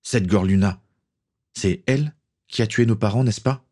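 A defiant young man, indignant and stubborn, voiced by a male narrator, pitched clearly above the reader's own voice. The tone stays slightly husky, always protesting. Storybook reading. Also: normal speed, warm tone, close to an everyday voice.

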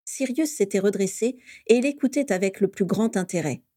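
A woman reads a story aloud at normal speed in a steady storytelling manner, her voice mellow and warm at a middle pitch. The recording is dry and close.

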